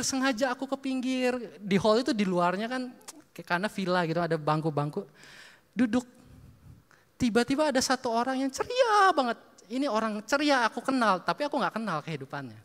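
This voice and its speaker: A male preacher telling stories in a sermon, lively, acting out dialogue and laughing often. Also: high voice. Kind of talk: sermon storytelling. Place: church hall. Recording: long reverb of a church hall.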